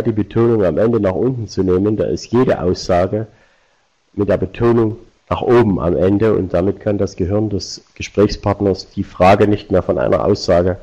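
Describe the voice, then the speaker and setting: A man's voice: fairly low pitch, warm tone, lo-fi sound. A man presenting a live online seminar, explaining points directly to his viewers. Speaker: webinar presenter.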